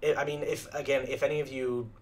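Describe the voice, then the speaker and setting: A young man hosting a reaction channel who chats casually and rambles with lots of fillers, clearing his throat as his voice starts to go. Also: medium pitch, little pitch movement, quick pace. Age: young adult. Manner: rambling, filler-heavy chatter.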